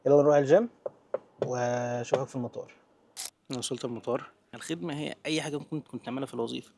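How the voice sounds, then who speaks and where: A young Egyptian man speaks very rapidly in natural, unscripted talk. His voice sits at a medium pitch, and he addresses the listener informally and directly, like a friend, dropping English terms into his Egyptian speech. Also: steady tone, creaky, noisy background. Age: 20s. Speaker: vlogger giving business advice.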